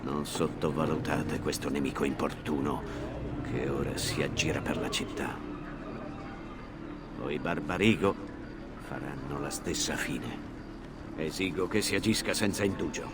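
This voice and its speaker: A man voicing a stern, commanding conspirator lord in a video game, grave and measured. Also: a bass voice, heavy background noise. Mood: stern, menacing. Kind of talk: video game cutscene acting.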